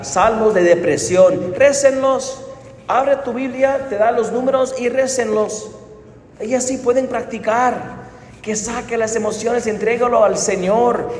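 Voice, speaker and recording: Male preacher, earnest, pleading, high voice, echoey church hall. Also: a little hiss or hum. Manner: earnest, pleading, shifts between soft and emphatic. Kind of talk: sermon. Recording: echoey hall, heard from a distance.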